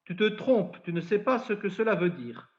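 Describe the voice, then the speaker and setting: A man's voice: high voice, sing-song, normal speed, voice pushed up. A man playing a stern, scolding old village priest. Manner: scolding, incredulous. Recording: dull lo-fi sound.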